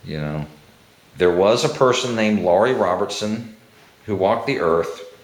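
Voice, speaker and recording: A man casually telling a family story to the camera while showing a room under renovation, rambling and chuckling, and getting animated when he quotes people. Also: lowish voice, measured pace, echoey room. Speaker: homeowner documenting a room.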